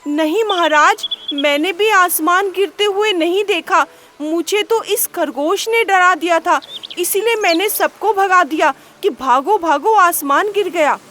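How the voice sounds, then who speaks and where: A woman's voice: extremely high pitch, measured pace, a bit bright, a little hiss or hum, pitched above the performer's own voice. A woman voicing a gullible male bear in a children's story, who sounds puzzled and anxious. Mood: pleading. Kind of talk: storybook character voice.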